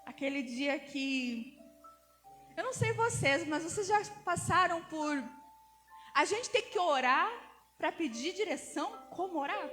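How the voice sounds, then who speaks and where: Woman preacher, high voice, emotional sermon going soft then loud, big hall echo, music playing under it. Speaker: preacher at a women's conference. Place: church conference hall. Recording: reverberant hall with music behind.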